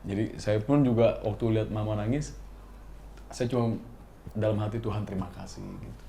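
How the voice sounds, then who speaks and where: A man who is a guest in an interview, telling his story hesitantly and pausing often to search for words. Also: lowish voice, mellow, slight background noise. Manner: hesitant, many fillers, then cheerful. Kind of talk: testimony in an interview.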